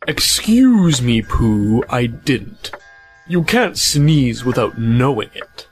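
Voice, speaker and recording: A man's voice: medium pitch, very animated, slow pace, faint music behind. A man voicing a pompous, long-winded old male owl in an amateur family audio drama. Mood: indignant. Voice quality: fussy, long-winded, self-important.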